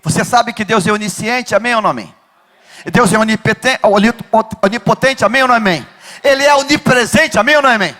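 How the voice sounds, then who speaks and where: Um pastor de Rio de pregando um sermão com fervor, chamando a congregação a responder e subindo a voz em gritos. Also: male voice, high voice, fast. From Brazil. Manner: fervent preaching, rising to shouts, call-and-response with the congregation. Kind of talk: sermon. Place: church.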